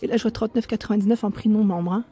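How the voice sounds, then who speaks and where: A woman's voice: medium pitch, fairly even intonation, racing, warm tone. A woman casually vlogging a walk through a large furniture store, chatting along, reading prices aloud and stumbling over product names. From France. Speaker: shopping vlogger. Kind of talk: casual store walkthrough vlog.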